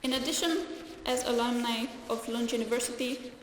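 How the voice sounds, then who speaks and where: A young woman from Slovenia gives a formal graduation speech in English from a lectern. She reads carefully and earnestly, stumbling slightly now and then, her somewhat high voice echoing through a large hall with faint room ambience. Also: a little fast, slight background noise. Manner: careful, earnest, read from notes with small restarts.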